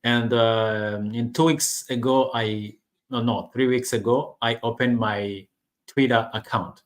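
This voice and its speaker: This man from Rwanda, for whom English is a second language, vlogs about online business and chats casually to the camera, restarting often and filling gaps. His voice sits at medium pitch with fairly even intonation and a slightly slow pace.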